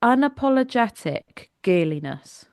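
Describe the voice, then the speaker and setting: A woman's voice: on the high side, very animated, unhurried, clean tone, no room sound, studio quality. A woman co-hosting a podcast, chatting in an upbeat, enthusiastic way and often trailing off. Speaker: podcast co-host. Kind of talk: casual chat.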